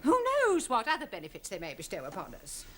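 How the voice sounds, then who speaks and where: A woman's voice: medium pitch, huge pitch swings, fast. An actress playing a prim, formal and bossy woman school head in a 1970s sitcom. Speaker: school principal. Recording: faintly hissy old TV broadcast.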